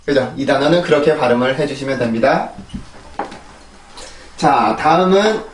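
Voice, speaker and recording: A man's voice: medium pitch, animated, normal speed, reverberant, distant mic, slight background noise. A man teaching English pronunciation in Korean, explaining sounds and repeating drill words three times, checking in with his students. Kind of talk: pronunciation lesson. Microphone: desk microphone.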